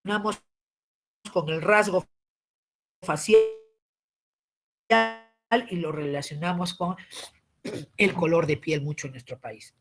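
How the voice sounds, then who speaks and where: A man, giving a civics lesson as a teacher. He explains patiently, often tags his points with a question and clears his throat. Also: fairly high pitch, takes it slowly, pauses often.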